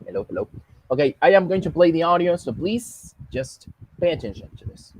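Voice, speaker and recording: A man's voice: on the high side, lively intonation, normal speed, a little mellow, a little hiss or hum. Patient man teaching English. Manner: explains patiently, switches between Spanish and English. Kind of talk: online class instruction.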